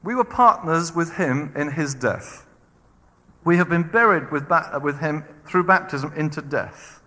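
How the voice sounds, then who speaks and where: A man's voice: a little high, unhurried, long reverb tail. A man preaching a sermon, acting out quoted voices as he goes. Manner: animated, acts out quoted voices.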